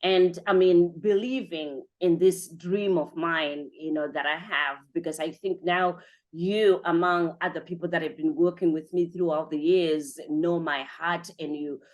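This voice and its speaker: A woman's voice: lowish voice, fairly even intonation, a little slow, dull audio. A woman hosting a podcast interview, talking in an effusive, chatty way with many 'you know' fillers. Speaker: podcast host. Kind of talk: interview conversation.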